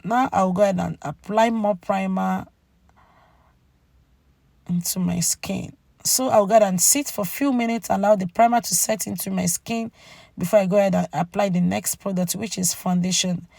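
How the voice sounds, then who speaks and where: Woman with a cracking, creaky, cold-struck voice. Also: medium pitch, steady tone, fairly quick, mellow, no room sound. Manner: chatty, addresses viewers directly with tag "okay?". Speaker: beauty channel host. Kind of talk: makeup tutorial voice-over, casual narration.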